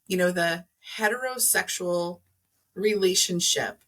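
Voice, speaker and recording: On a rough recording, a woman who works as an energy healer talks about crystals and chakras as a podcast guest, rewording ideas while she thinks. Her fairly low voice has a fairly bright tone and an unhurried pace.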